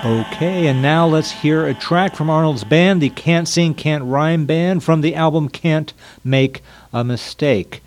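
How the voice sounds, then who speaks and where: A male podcast host with a somewhat high voice who keeps a relaxed, friendly tone. He laughs often as he chats with his guest in a casual interview. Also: unhurried, soft background music.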